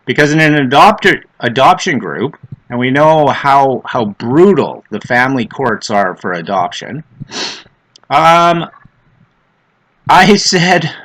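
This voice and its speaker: A middle-aged man with a smoker's rasp giving an opinionated, off-the-cuff monologue, blunt and emphatic, repeating phrases to drive them home. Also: medium pitch, big pitch swings, slow, fairly bright tone, low-quality recording. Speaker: vlogger on adoptee issues.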